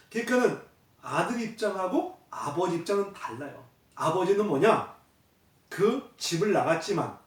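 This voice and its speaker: High, lively man lecturing in an echoey room. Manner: asks rhetorical questions and answers them himself; repeats key phrases. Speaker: Bible class lecturer. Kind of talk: classroom lecture. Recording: very echoey room, mic at a distance.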